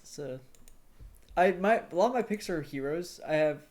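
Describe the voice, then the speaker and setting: A man's voice: high-pitched, animated, moderate pace, a little mellow. A man co-hosting a podcast in casual chat, hesitant, with many fillers and restarts. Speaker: podcast co-host.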